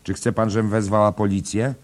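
A man voicing a loud, greedy woman who runs a brothel, shouting in a high, shrill voice. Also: flat delivery, moderate pace, natural voice. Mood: angry shrill.

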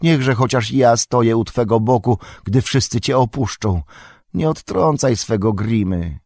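A man's voice: mid-range voice, a little slow, a little mellow, no echo, clean studio sound, voice pushed up. A man voicing a cringing, treacherous royal counsellor who pleads and whines in a servile, wheedling manner, in a storybook reading. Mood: begging.

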